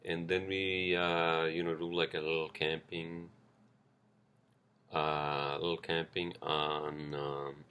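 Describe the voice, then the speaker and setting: His bass voice keeps a level tone and a slow pace, sounding smooth yet pushed and bright. The man hosts a casual solo podcast with a non-native English accent, rambling loosely with many fillers, restarts and curses.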